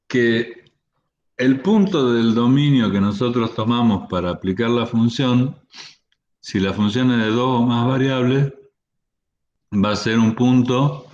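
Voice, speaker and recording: A man's voice: medium pitch, a little mellow, lo-fi sound. A man giving an online university math lecture, explaining step by step with frequent restarts and fillers.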